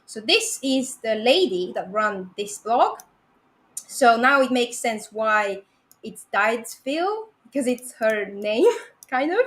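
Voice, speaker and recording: A woman's voice: fairly high pitch, animated, takes it slowly, fairly bright tone. Upbeat woman walking through a screen share. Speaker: domain analyst guest. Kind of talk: casual live-stream presentation.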